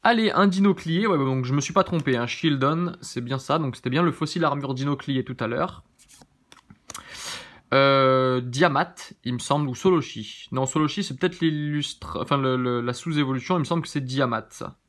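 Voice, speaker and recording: A man in a casual, easygoing commentary, talking through each card as he turns it over at a middling pitch. He muses aloud, hesitates over names and corrects himself with plenty of fillers. The tone stays relaxed and conversational throughout. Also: moderate pace. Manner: thinks aloud, often unsure of names; relaxed, chatty, many fillers. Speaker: YouTube channel host.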